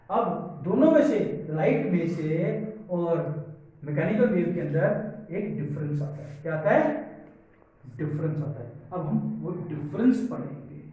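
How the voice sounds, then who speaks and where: High-voiced male teacher in echoey room. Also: dark tone. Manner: repeats questions and answers them, mixes English terms. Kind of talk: classroom lecture. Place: classroom. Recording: echoey room, far mic, dull sound.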